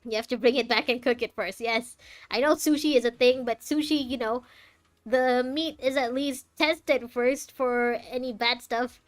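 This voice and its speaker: A woman streamer playing a game blind offers casual, playful, teasing commentary and sometimes reads the on-screen text aloud. Her fairly high voice stays steady at a moderate pace, with no room sound but game music in the background.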